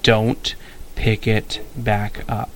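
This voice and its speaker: A man voicing a calm armed young hero in a storybook reading, giving cold, clipped commands in a gravelly voice. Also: medium pitch, unhurried, a little hiss or hum.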